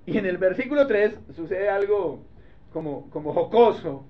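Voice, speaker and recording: Joking, lively man preaching a sermon. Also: sits high, moderate pace. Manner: lively, joking, speaks directly to the congregation. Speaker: pastor. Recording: dull lo-fi recording.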